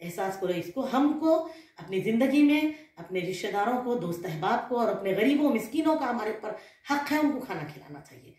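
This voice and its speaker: A woman's voice: on the high side, animated, a little fast, darkish tone. A woman religious scholar giving an earnest sermon to women, often putting questions to her listeners. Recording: roomy echo.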